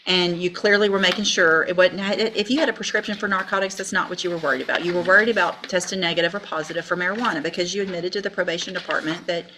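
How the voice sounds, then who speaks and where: An American woman presiding as judge over a sentencing speaks bluntly and sternly in formal courtroom language. Her lowish voice is fairly even in intonation, very fast, with hardly any pauses, and the courtroom recording is noisy.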